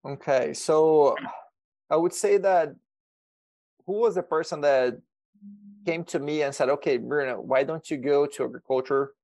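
A man's voice: fairly high pitch, unhurried, pauses often, darkish tone, no echo. A man in his thirties from Brazil, speaking with a Brazilian accent, answering questions as a guest in a podcast interview, often restarting and repeating words. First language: Portuguese. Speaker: extension educator guest.

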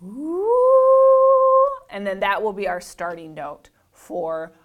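A woman with a low alto voice talks through a music lesson. She explains each step, then sings sirens and single notes to show how it's done. She speaks in a plain instructional way. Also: fairly even intonation, measured pace, narrow, tinny audio. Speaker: music teacher. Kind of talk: instructional talk to camera.

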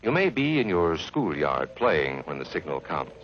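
An American man narrating a grave civil defense film from the 1950s in a measured, instructive way, as if addressing children. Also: rumbling low, sing-song, heavy background noise. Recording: dull vintage film soundtrack.

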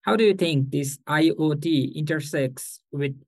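A man's voice: fairly high pitch, a little slow, dry recording, poor audio. A young man co-hosting a podcast, asking polite formal questions. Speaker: podcast co-host. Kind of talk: interviewer.

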